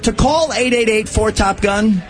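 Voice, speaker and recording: A man in casual radio banter, speaking in a coy, halting, mock-secretive way. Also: high voice, a faint crowd.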